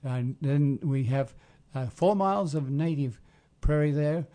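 A man talks casually as a community radio host. His voice is soft-edged and mellow, sitting a little high for a male. He rambles in a halting way, often searching for words.

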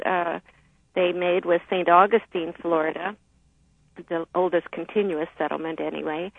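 Gravelly woman on a phone line. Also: lowish voice, slight background noise. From Dominican Republic. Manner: measured, thoughtful, explanatory. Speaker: historian, radio guest. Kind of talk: radio interview, phone-in guest. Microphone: telephone.

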